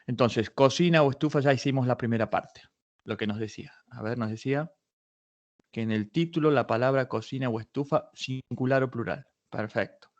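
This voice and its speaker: A workshop instructor leads a live online patent search tutorial, taking listeners step by step through a database search. He thinks aloud, restarting and correcting himself often. His mid-range voice moves fairly quickly, and the audio is dull.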